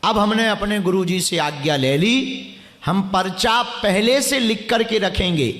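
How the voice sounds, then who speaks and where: A high-pitched man preaches to a packed crowd in a lilt. He teases and commands people in the audience playful banter, and his voice rings out through echoey stadium sound. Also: measured pace, a bit bright. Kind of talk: live religious gathering, addressing crowd and individuals.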